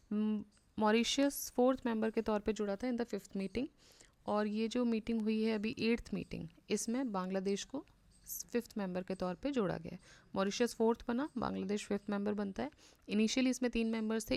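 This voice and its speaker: An Indian woman teaching a current affairs revision lesson, reading English passages slowly and explaining them in Hindi, repeating the key points to her students. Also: medium pitch, creaky, darkish tone.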